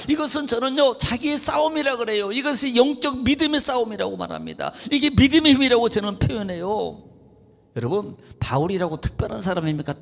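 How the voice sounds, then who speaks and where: A man preaching a sermon as a pastor, animated and swinging between low murmurs and raised exclamations. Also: creaky. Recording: long hall reverb.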